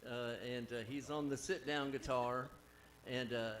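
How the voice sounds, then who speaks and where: A man's voice: medium pitch, steady tone, unhurried, fairly bright tone, slight background noise, low-quality recording. A man, a singer-songwriter giving rambling, folksy banter between songs on a live stage. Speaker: singer-songwriter introducing his band. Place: live music stage with audience. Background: guitar and band instruments.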